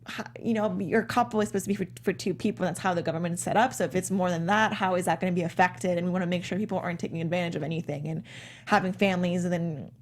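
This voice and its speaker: Measured woman reasoning on a panel. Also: lowish voice, fairly even intonation. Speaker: panelist on a TV review show. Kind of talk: casual panel discussion.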